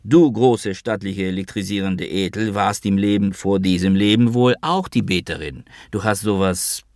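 A man's voice: lowish voice, moderate pace, dry recording, clean studio sound, close to an everyday voice. A man doing a scornful, boastful monk. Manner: mocking, snapping. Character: irritable scornful male monk.

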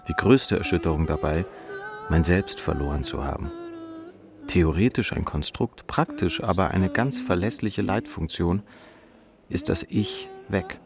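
A male actor voices a despairing, sardonic narrator living through depression, delivering an introspective literary monologue in clipped fragments for a radio play. His low, gravelly voice is unhurried and sing-song, exaggerated, and steeped in bleak despair. Music plays behind him.

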